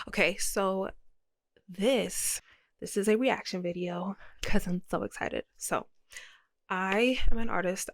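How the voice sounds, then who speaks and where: A young woman vlogging casually from her home art studio, excited and playful, using slang, on a makeshift mic. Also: medium pitch, no echo. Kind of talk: casual unboxing vlog.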